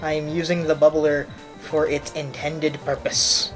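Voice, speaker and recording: A man's voice: a little high, flat delivery, a little slow, a bit bright, faint music behind. A man bantering playfully with friends while playing a video game. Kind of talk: casual gameplay chat.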